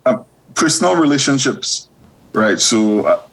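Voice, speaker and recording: A university administrator in his forties from Trinidad and Tobago answers interview questions in a measured way, using many fillers and restarting often. His mid-range voice is slightly rough and swings widely in pitch, and the audio quality is poor.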